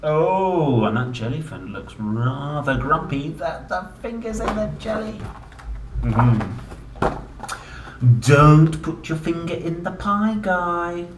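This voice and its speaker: A man who reads children's books and hosts reads a picture book aloud to young kids, playful and theatrical, exclaiming and asking the listener questions. His voice sits on the high side, animated and slow. The recording is roomy and clearly noisy, with a distant mic.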